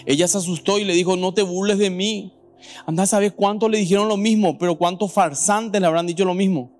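Speaking fast in a high voice, a man with a Paraguayan Spanish accent delivers a church sermon as the pastor. He is animated and questions the congregation head-on while faint music plays behind him.

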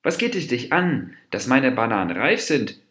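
A man's voice: mid-range voice, big pitch swings, a little slow, voice pushed up. A man doing an angry mouse deer. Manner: angry, firm, snapping. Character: wrathful stubborn male mouse deer, fable hero. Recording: roomy echo.

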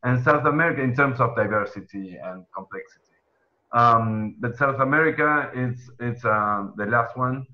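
This mid-range male voice has a sharp tone and a moderate pace, with the highs cut off. He's a young Argentine man with an Argentine Spanish accent, moderating a webinar panel on a video call via headset earphones from a room at home, and he's hesitant, full of ums and restarts.

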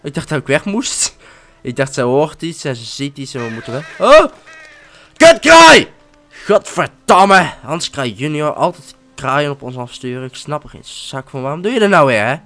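A man giving casual commentary while playing a game, excitable and often swearing or exclaiming. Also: mid-range voice, brisk, soft background music. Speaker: let's-play gamer.

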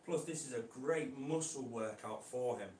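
A man keeping reptiles, chatting casually to viewers while gently coaxing and handling a snake indoors. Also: medium pitch, moderate pace, reverberant, slight background noise. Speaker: reptile keeper vlogger. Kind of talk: casual vlog. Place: indoor room.

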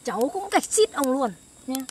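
A young woman fires off mocking quips in a comedy sketch. Her high voice jumps all over the place. Crickets chirp faintly behind her outdoors. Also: very animated, moderate pace, a little hiss or hum. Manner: sharp-tongued, mocking. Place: outdoors in a field.

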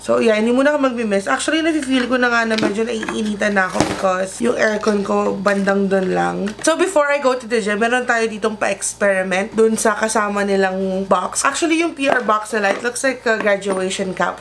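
A young Filipino woman reviewing makeup on camera, chatting in a mix of English and Tagalog with excited exclamations. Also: on the high side, background noise. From Philippines. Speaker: beauty vlogger. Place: small indoor studio with dark backdrop.

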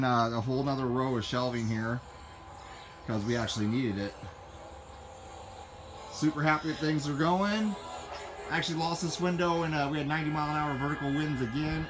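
A man casually vlogging as he walks through his greenhouse and yard, upbeat and rambling, filmed on a handheld phone. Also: medium pitch. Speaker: gardening vlogger. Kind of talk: casual walk-and-talk vlog. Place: backyard greenhouse and yard, outdoors. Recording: noisy outdoor phone recording. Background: outdoor ambience, passing train.

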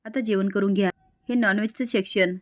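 A woman reading the lines of a brisk, bossy young hostess in a serial recap. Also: medium pitch, fairly even intonation, natural voice.

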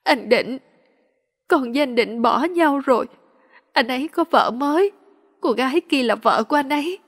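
A woman's voice: sits high, expressive, moderate pace, in a large hall, voice pushed up. A woman voicing a desperate, pleading young mother. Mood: grieving. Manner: pleading, tearful.

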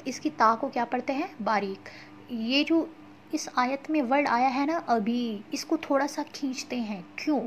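A woman teaching Quran recitation, chanting verses slowly and drawn out, then explaining pronunciation rules in quick, plain speech. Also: high-pitched, a little hiss or hum. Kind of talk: tajweed lesson with slow chanted recitation.

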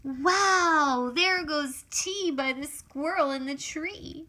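A woman performs her own children's picture book aloud, high and bright in tone, sing-song and full of exclamations, taking it very slowly and deliberately. There's faint noise in the background.

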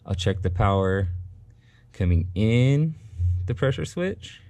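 On the low side and a little mellow, this man speaks slowly and expressively. He's an HVAC instructor at a workshop bench with a test board, demonstrating troubleshooting hands-on in a casual, step-by-step way while he thinks aloud and tests a circuit.

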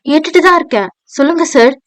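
A woman's voice: high voice, lively intonation, fast talker, fairly bright tone, dry recording, pitched above the performer's own voice. A woman playing a flustered, polite young woman. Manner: hesitant, respectful, addressing a superior. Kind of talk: audio novel dialogue reading.

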